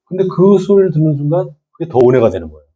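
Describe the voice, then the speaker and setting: Lecturing pastor, middle-aged man, breathy dark tone, dull recording. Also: on the high side, sing-song, fast talker. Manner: asks the audience and repeats key words. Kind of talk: church lecture to lay people.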